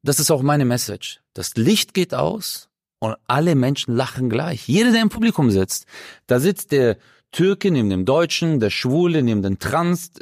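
A male comedian from Germany talks as a podcast guest, a mid-pitched man with a dry, close studio sound. His storytelling is animated and slangy, leaping up and down in pitch as he acts out moments. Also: normal speed, gravelly, no room sound. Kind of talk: casual interview chat.

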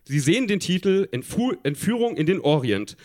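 A man's voice: a little high, sing-song, moderate pace, darkish tone, slight background noise. A man on a live stage reading aloud his own childhood story, amused and laughing along. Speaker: reader at a live reading show. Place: live stage before an audience.

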